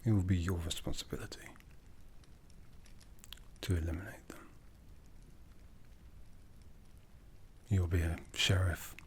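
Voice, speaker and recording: In an ASMR roleplay, a man plays an ancient vampire lord who is brooding, commanding, softly menacing and courtly. His low voice is breathy, hushed and solemn, slipping into whispers as he speaks in a deliberate, intimate, persuasive and commanding way.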